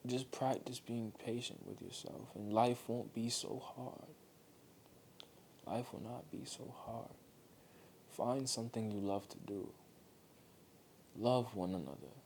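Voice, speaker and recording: A man giving a heartfelt motivational monologue, earnest and gentle, repeating phrases for emphasis. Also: medium pitch, creaky, a little hiss or hum. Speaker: motivational speaker.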